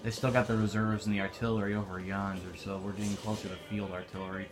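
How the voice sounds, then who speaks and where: A man's voice: lowish voice, level tone, fast. A young man giving casual, offhand commentary while playing a war video game. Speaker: gameplay commentator. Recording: noisy game audio behind.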